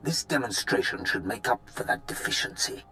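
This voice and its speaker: An actor playing a cold, arrogant rogue agent who speaks in a formal, threatening way in game dialogue. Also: male voice, on the low side, lively intonation, normal speed, sharp tone, faint music behind. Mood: menacing.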